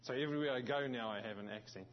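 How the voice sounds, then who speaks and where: A medium-pitched man delivers a sermon in dull-sounding audio. He is a visiting pastor from South Africa with a South African accent shaded by New Zealand, and he speaks in a halting way with frequent restarts and fillers.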